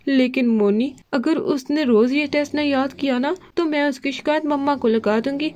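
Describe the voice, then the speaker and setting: A woman's voice: high voice, moderate pace, a little mellow, dull audio, close to an everyday voice. A woman voicing a clever older sister girl doll, the best student, in a confident, mildly scolding way in a doll play story.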